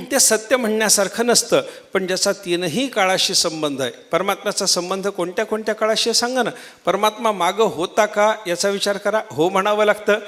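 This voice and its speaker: A man's voice: high voice, fairly bright tone. An older man giving a devotional discourse in a hall, explaining patiently and putting questions to his listeners. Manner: explanatory, repeats questions to the audience, playful imitations. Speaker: spiritual lecturer. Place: lecture hall.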